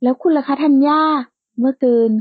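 A woman voicing a polite, soft-spoken young woman, in a lightly lo-fi, dry recording. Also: high-pitched, fairly even intonation, a little fast, no echo, lightly acted.

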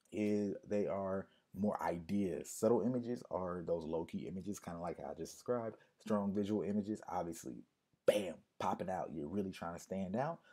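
A man's voice: low-pitched, mellow, slightly rough. A man losing his voice, giving a casual talk on music branding and repeating key points for emphasis. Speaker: music marketing consultant. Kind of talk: casual explainer to camera.

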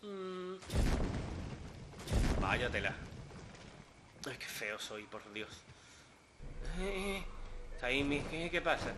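A man giving joking, excitable gameplay commentary, swearing casually. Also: medium pitch, slow, pauses often, noisy background. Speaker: gaming host.

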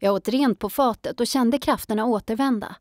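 A woman narrating a children's audiobook in a calm storytelling manner. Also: fairly high pitch, no echo, studio quality.

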